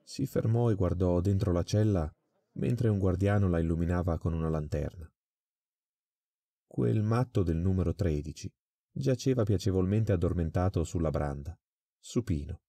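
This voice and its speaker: Deep-voiced man narrating a crime tale. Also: dark tone, no room sound, studio quality. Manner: measured, dramatic storytelling. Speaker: audiobook reader. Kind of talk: scripted story narration.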